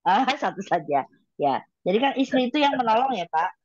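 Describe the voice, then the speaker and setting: A woman giving an informal devotional teaching to colleagues, in a blunt and habitually loud, high-toned manner. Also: sing-song, normal speed, no room sound, muffled recording. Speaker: devotional reading leader.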